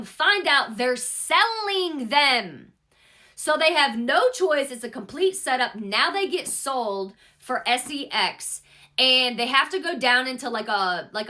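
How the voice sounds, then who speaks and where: A woman's voice: fairly high pitch, sharp tone. A woman giving a casual, rambling book recap, swearing freely and filling gaps with "like" and "blah, blah, blah". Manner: rambling, profane, peppered with "blah, blah" and "like". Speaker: book reviewer.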